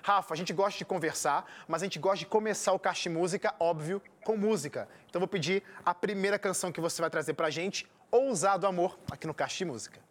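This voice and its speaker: A man's voice: high voice, fast, hardly any pauses. A man with a Carioca accent from Rio, presenting a music show in a conversational style. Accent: Carioca Brazilian Portuguese. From Rio de Janeiro, Brazil.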